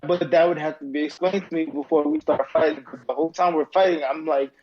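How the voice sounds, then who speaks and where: A man's voice: fairly high pitch, fairly even intonation, quick pace, highs cut off. A man in a casual podcast chat, incredulous and swearing freely.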